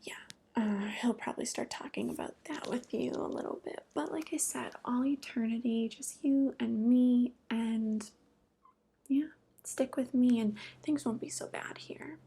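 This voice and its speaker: A woman voicing a flirty, teasing female devil in a soft, breathy whispered role-play, with a casual, coy manner. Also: a little high, unhurried, exaggerated voice.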